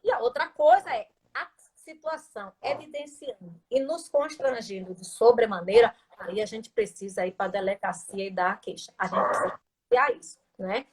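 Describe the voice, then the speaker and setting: A woman teacher talks through her points in a relaxed interview. Her voice sits a bit high, and she presses each idea with rhetorical questions and a habitual "right?". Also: normal speed, breathy edge. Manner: emphatic, uses rhetorical questions and tag questions. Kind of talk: conversational explanation.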